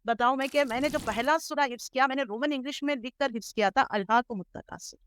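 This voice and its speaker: A middle-aged woman from Hyderabad, India, telling her life story as an interview guest in a measured, earnest way. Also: high-pitched, fairly bright tone, clear, resonant tone, no echo, studio quality. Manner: measured, earnest storytelling with English words mixed in. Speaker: interview guest, Islamic scholar.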